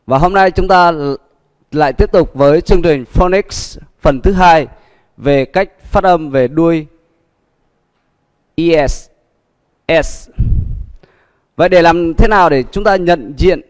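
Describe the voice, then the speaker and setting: Slow Vietnamese man teaching English sounds. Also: on the high side, long reverb tail. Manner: slow, repetitive drilling with many fillers. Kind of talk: livestream English pronunciation lesson.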